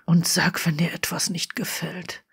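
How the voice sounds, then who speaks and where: A reader voicing a forty-something male wizard in whispered role-play, husky and breathy, soft and coaxing. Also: a little high, level tone, a little slow, full character voice. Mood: tender. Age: 40s.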